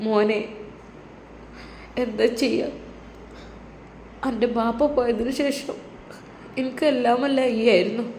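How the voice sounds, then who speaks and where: A grieving old mother in a spoken story, tender and tearful, pitched a little higher as a woman acts her out. The tone is warm and mellow, and the recording sounds roomy with faint noise behind. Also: fairly even intonation, slow pace, pauses often.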